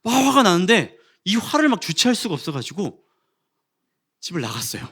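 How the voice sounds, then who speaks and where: Animated Korean pastor telling a story. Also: male voice, high-pitched, normal speed, slightly rough. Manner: animated storytelling, acting out quarrels and rising to loud exclamations. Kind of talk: sermon with a humorous personal story. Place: church sanctuary.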